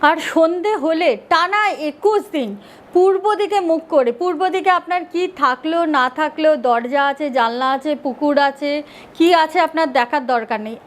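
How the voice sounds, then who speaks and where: A woman hosting a spiritual advice talk, calmly instructing viewers step by step and reassuring them as friends. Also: sits high, moderate pace. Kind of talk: direct-to-viewer remedy advice.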